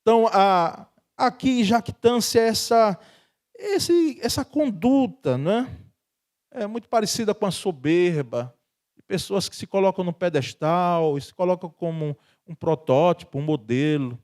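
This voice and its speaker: A man's voice: high voice, lively intonation, a little slow, a little mellow. A Brazilian man preaching a sermon as pastor of a church, speaking conversationally, chuckling often and tagging his sentences with questions to the congregation. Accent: Brazilian Portuguese.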